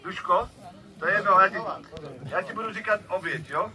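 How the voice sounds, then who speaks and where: A man's voice: high voice, sharp tone. A man at an outdoor falconry show, teasing and bossing a volunteer from the audience in a playful way. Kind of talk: joking audience participation. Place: outdoor field at a bird show. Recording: crowd noise behind.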